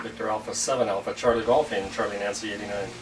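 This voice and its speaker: A man in his fifties, an amateur radio operator, speaks quickly in a lowish, steady voice as he makes radio contacts and comments casually to camera. He's in a small, noisy radio shack room, picked up by a camera across the room, with loud hiss and radio noise behind him.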